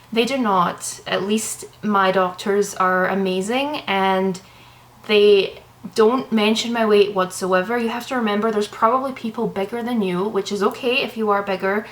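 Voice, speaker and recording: A woman's voice: mid-range voice, poor audio. A young woman from Canada chatting to her camera, out of breath, rambling and reassuring. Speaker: vlogger. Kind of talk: casual chat to camera. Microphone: camera mic.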